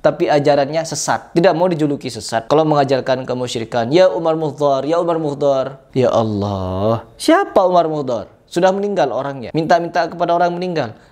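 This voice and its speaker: A man's voice: fairly high pitch, darkish tone. A man giving indignant, preachy reaction commentary full of rhetorical questions. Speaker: religious commentator reacting to videos.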